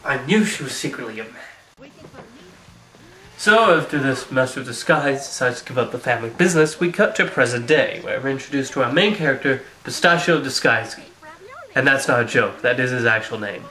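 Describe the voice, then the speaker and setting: A man's voice: medium pitch, expressive, fairly quick, sharp tone. Dry sarcastic guy reviewing a movie, scripted voiceover, kinda roomy echo. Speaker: film reviewer. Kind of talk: scripted video review narration.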